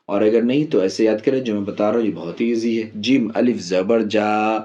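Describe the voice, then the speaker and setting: A man teaching Quran reading as a step-by-step lesson, patiently spelling out letters slowly and repeating each drill. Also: fairly low pitch, warm tone, dull audio.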